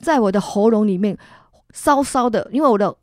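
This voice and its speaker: A woman from Singapore, an interview guest telling her personal faith testimony as an animated storyteller who acts out other people's lines and laughs as she goes. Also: medium pitch, brisk, no room sound, clean studio sound. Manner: expressive, laughs while telling.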